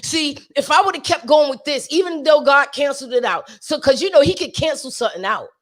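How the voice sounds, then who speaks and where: Animated and brisk, this singer gives her livestream viewers a preachy, motivational testimony. She talks straight to them with sermon-like fervor, hammering points through repetition, her high, raspy voice rough throughout.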